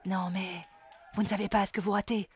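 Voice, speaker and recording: A woman's voice: mid-range voice, level tone, brisk, slightly rough, faint music behind. A woman putting on a vain, pompous elf pop singer. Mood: smug. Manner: pompous, self-admiring, showy. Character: vain, boastful male elf boy-band singer. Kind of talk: storybook character voice.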